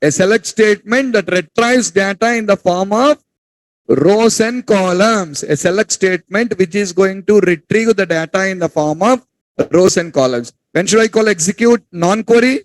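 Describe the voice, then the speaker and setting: A man teaching a class, repeating points, quizzing students and scolding them to speak louder. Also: high-pitched, normal speed, dry recording, low-quality recording. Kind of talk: classroom lecture.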